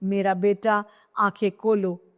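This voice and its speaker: A woman's voice: mid-range voice, little pitch movement, slow, long reverb tail, lightly acted. A woman voicing a grieving queen mother who laments over her dead son with repeated cries. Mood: grief-stricken. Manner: wailing lament, cries of hai.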